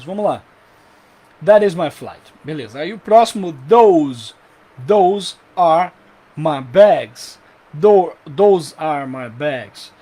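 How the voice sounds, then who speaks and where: Animated Brazilian man teaching English. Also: fairly high pitch. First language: Portuguese. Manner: animated, repeats example phrases slowly. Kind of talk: online English lesson.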